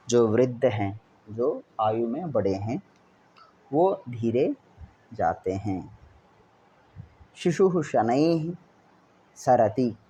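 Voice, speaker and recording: A man teaching Sanskrit grammar to schoolchildren, reading each example sentence slowly and then giving its meaning. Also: medium pitch, mellow. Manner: repeats each example with a Hindi gloss. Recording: dull lo-fi recording with faint hiss.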